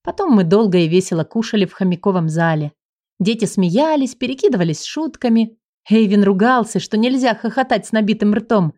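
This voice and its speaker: Lady reading a first-person fantasy book aloud, lively and expressive, medium voice. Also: medium pitch, brisk. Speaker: audiobook narrator.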